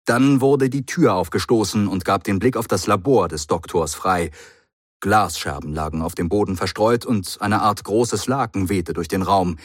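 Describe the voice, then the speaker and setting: A man reading a story aloud in measured, expressive narration. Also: deep voice, no room sound, studio quality. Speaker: audiobook reader.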